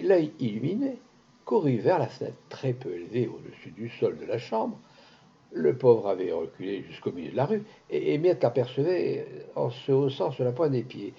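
Man narrating a story, gravelly and husky, voice going up and down a lot. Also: mid-range voice. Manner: expressive, lively intonation. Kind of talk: storybook reading. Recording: dull lo-fi recording.

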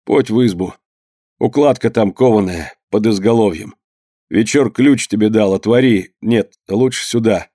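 A man voicing a beaten old servant who speaks hoarsely and pleads desperately. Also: fairly low pitch, moderate pace, dark tone, dry recording, clean studio sound, lightly acted. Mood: hoarse, weary.

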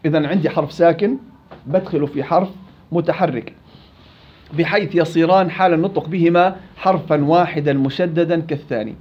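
A man with a Levantine Arabic accent teaching Quran recitation, quizzing students, praising answers and stretching out example words slowly. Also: fairly high pitch, highs cut off. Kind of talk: classroom teaching.

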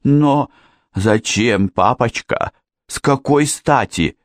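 A man voicing a frightened, weeping young woman in an audiobook, pleading in a shrill voice. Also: a little slow, a little mellow, no echo, clean studio sound, lightly acted. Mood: panicked tearful. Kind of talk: audiobook character voice.

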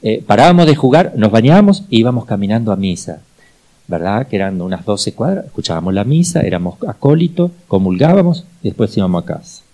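Middle-aged Argentine male priest, mellow timbre, lively storyteller who repeats for emphasis. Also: fairly low pitch, fast, poor audio. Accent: Argentine Spanish. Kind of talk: teaching talk with personal anecdotes.

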